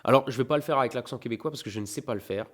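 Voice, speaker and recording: Host, young man from France, reading fan mail on his channel; relaxed, offhand chatter that turns theatrical on the letters. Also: mid-range voice, very fast. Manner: reads letters in a raised theatrical voice, chats offhand between them. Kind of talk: casual chat reading letters aloud.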